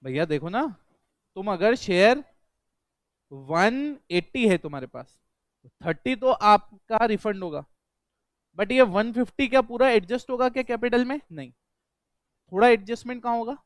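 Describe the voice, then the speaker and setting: A man's voice: high voice, animated, measured pace, pauses often, no room sound, studio quality. A man teaching an accountancy class to students in a classroom. He keeps asking the students questions, repeats them, and drills the answers back, mixing English accounting terms into his speech. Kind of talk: classroom lecture.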